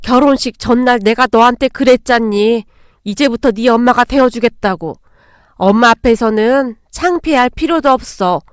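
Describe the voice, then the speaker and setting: A woman's voice: on the high side, moderate pace, smooth, no room sound, clean studio sound, close to an everyday voice. A woman voicing a stern but loving older mother-in-law, firm with intruders and tender with her daughter-in-law.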